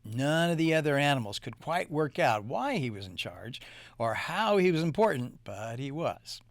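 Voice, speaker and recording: A man's voice: fairly high pitch, normal speed, no room sound. Playful man reading a children's story. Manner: animated, playful. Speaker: storybook reader.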